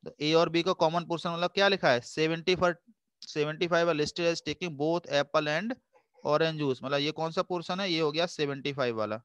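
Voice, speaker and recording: Patient male math teacher, crisp dry voice. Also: on the high side, fairly even intonation, a bit bright, no echo. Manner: patient, coaxing, calls students "beta"; slows down to read formulas aloud in English. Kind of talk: math revision lecture.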